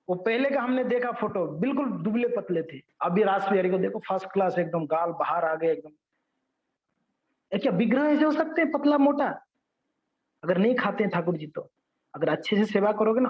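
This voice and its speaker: A high-voiced man gives a devotional lesson and tells stories in an animated, conversational way. His voice sits high, and the recording is dull and roomy. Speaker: devotional teacher.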